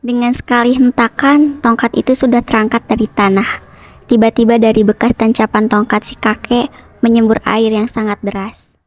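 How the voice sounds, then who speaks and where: A young woman narrating a folk legend in a steady storytelling manner for a school drama. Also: a little high, moderate pace, dry recording. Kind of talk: reading a folk legend aloud.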